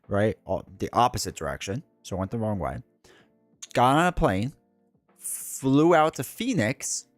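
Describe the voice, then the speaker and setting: A man with a mid-range voice and a stuffy head cold chats from home while live-streaming a solo board game. He rambles casually, full of asides and filler words, with no echo on the audio.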